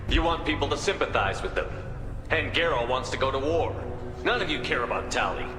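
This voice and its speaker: A man's voice: medium pitch, expressive, a little fast, lightly acted. A man playing a steadfast, blunt, protective military commander in a video game, with a firm manner. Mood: defiant. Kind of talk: dramatic video game voice acting. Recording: echoey reverberant hall, music behind.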